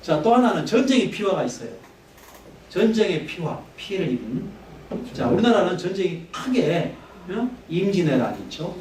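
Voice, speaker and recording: A man lecturing on history in a talkative, conversational way, putting questions to his listeners as he goes. His voice is on the high side and swings widely in pitch. He sounds a little distant in an echoey hall, with faint room noise behind him. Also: big pitch swings, moderate pace, darkish tone. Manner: conversational, poses questions to the audience.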